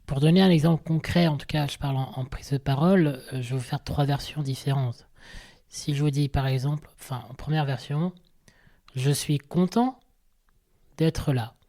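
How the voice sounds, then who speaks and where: A man's voice: medium pitch, steady tone, fairly quick, creaky, warm tone. A man hosting a podcast interview, engaged in the talk and offering concrete examples. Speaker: podcast host. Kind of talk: conversational interview.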